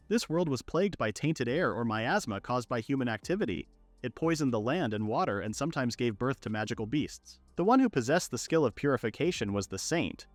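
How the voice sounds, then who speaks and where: A man reads a story aloud in a steady, even storytelling voice, and he retells the characters' words himself rather than voicing them. His voice sits in a middle range. The recording is dry and close, with faint music playing quietly underneath. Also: mid-range voice, dry recording. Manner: steady storytelling, all dialogue retold in third person. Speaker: narrator. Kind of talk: scripted story narration.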